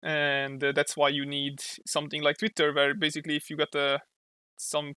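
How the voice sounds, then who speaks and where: A man's voice: on the high side, completely flat delivery, moderate pace, sharp tone, clear, resonant tone, dry recording. A young man from Hungary with a Hungarian accent, chatting casually on a livestream while he draws, thinking aloud and sometimes searching for English words. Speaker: streamer and comic artist.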